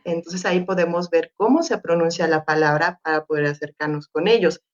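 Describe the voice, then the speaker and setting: A woman's voice: on the low side, steady tone, a little fast, lo-fi sound. A woman with a Mexican Spanish accent presenting slides at an academic forum, hesitant, with many fillers and restarts, over a video call.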